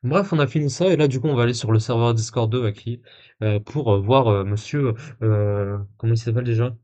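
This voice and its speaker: A man's voice: medium pitch, a little fast, dark tone, dull audio. A man commenting casually on a live stream, full of fillers and restarts, with sarcastic asides while he reads messages aloud.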